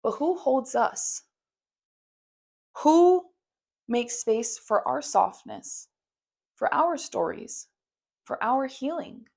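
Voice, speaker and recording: Speaking very slowly with frequent pauses, this high-pitched, gravelly woman has lively intonation and a darkish tone. She's a young therapist from Maui, Hawaii, delivering a heartfelt solo podcast in an earnest, affirming way, with plenty of "you know".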